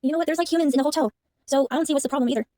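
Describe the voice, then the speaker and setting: Fast-talking young woman rambling about a movie. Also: high voice, mellow, no echo. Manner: rambling, lots of fillers, restarts. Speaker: movie reaction vlogger. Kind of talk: casual movie commentary.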